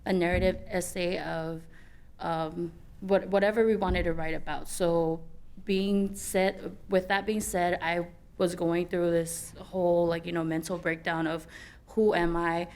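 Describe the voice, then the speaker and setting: Young female panelist, low and gravelly, candid and halting. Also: level tone, darkish tone. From American Samoa. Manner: candid, halting, many fillers and restarts. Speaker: youth panelist. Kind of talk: personal story at a conference panel.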